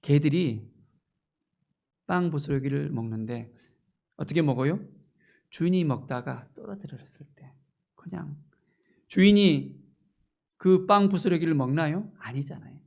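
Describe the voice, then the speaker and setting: A male pastor delivers an impassioned sermon in a high, gravelly voice. He swings from loud exclamations to near-whispers and keeps asking rhetorical questions, throwing in a questioning "eh?" along the way. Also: lively intonation, unhurried, pauses often.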